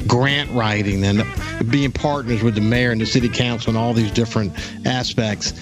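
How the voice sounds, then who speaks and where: A man's voice: mid-range voice, fairly even intonation, normal speed, music in the background. A man hosting a radio talk show, chatting casually with a guest, often restarting his sentences. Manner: rambling, many restarts and fillers. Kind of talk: casual interview chat.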